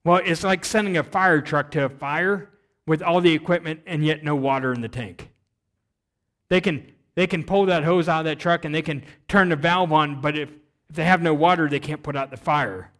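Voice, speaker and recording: A man preaching a sermon on missions, telling stories with energy that swings between loud emphasis and quiet. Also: on the high side, normal speed. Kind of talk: sermon with storytelling.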